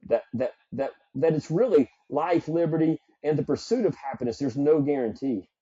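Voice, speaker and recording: A man's voice: on the high side, moderate pace, mellow, husky, dry recording, highs cut off. A middle-aged man from South Carolina with a Southern accent, a psychologist speaking earnestly and reflectively as a podcast guest. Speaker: psychologist and performance coach guest. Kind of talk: podcast interview.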